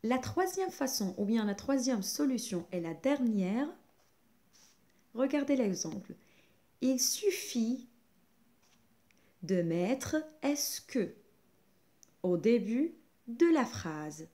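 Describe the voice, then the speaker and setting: Slow, lively-voiced woman teacher. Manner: slow, clear teaching voice with wide swings of pitch. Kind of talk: grammar lesson for children.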